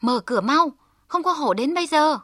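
A woman's voice: a little high, animated, a little slow, a bit bright, no room sound, studio quality. A woman voicing a poor, overworked young man who speaks in a timid, pleading way. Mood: begging. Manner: pleading, fearful. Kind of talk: storybook voice.

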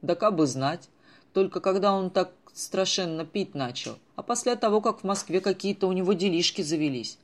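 A man's voice: high-pitched, animated, moderate pace. Man playing a rustic village drinker, folksy, pompous, raised voice, audiobook. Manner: folksy, self-important, loud. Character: rustic small-town male drinker, folksy and self-important.

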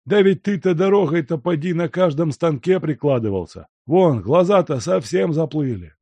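A man voicing a fussy, grumbling old male house servant who laments and frets in a high, agitated voice. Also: animated, normal speed, a little mellow, dry recording. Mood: fretful.

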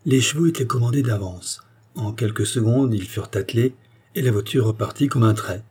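A man reading a novel aloud as audiobook narration, measured and even. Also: medium pitch, breathy edge. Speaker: audiobook reader.

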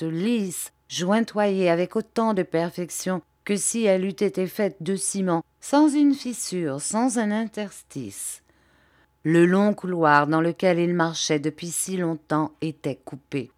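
A woman narrating an audiobook in a measured, expressive way. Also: fairly low pitch, no echo, clean studio sound.

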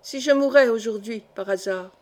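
Un vieux comte exalté et fiévreux, lu par une femme, au ton emphatique et orgueilleux. La voix reste assez haute, comme celle de la lectrice, dans une lecture de livre audio. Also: female voice, a little high, normal speed, darkish tone, close to an everyday voice. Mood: exalted. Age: older. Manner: emphatic, proud. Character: old exalted feverish male count. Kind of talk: audiobook character reading.

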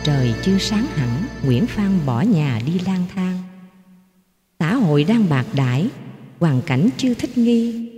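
An expressive storyteller whose pitch swings widely, in a mellow, dark tone. The reading rings in an echoey room with a long reverb tail. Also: a little slow, soft background music. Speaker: narrator. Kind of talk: dramatic storytelling.

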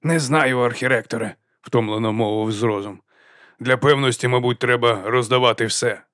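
A man's voice: mid-range voice, steady tone, normal speed, a bit bright, no room sound, studio quality, lightly acted. A man voicing a tired young male wizard who explains patiently. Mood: weary.

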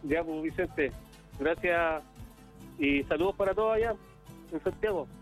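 A man from northern Chile with a Chilean accent, a musician calling in as a guest, chatting casually with pauses and fillers over a bad internet connection that keeps cutting out. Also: a little high. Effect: choppy internet call audio that cuts out. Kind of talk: casual chat over a call. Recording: tinny phone-like call line with faint music.

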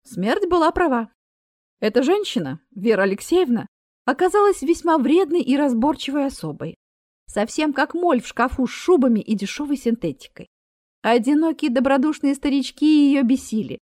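Wry lively storyteller, woman, high voice, dry close sound. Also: moderate pace, no room sound. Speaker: narrator. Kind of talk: storytelling narration.

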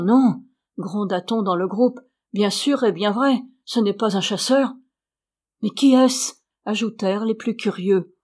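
A woman's voice: medium pitch, a little mellow. A woman narrating a classic novel as an audiobook, lifting her voice for the villagers' lines.

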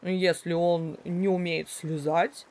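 A woman voicing a calm, puzzled male boa constrictor in a low, slow, wondering voice.

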